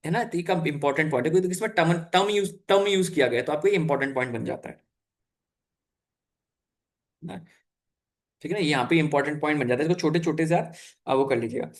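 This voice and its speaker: A man's voice: on the high side, fast, pauses often. A young adult man teaching an exam-prep geography lesson over slides in a casual, chatty way, full of fillers and self-corrections. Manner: chatty, frequent fillers and self-corrections, mixes in English terms.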